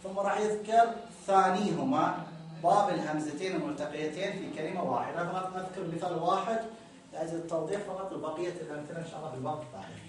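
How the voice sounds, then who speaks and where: A man's voice: fairly high pitch, rapid-fire. A male teacher explaining a grammar lesson step by step, repeating words as he points at the text. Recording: echoey room, distant mic, faint noise.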